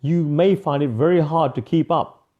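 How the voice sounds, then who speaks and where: A man giving an energetic live motivational coaching talk, emphatic, repeating key phrases and calling viewers by name. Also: fairly high pitch, moderate pace, highs cut off.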